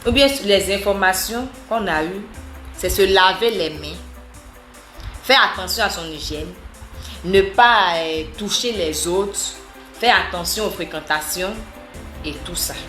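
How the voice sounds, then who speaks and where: A woman from Côte d'Ivoire with an Ivorian French accent, talking straight to her followers in a live address, emphatic and animated, with many rhetorical questions and tag words. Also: medium pitch, roomy sound. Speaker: social media personality addressing viewers.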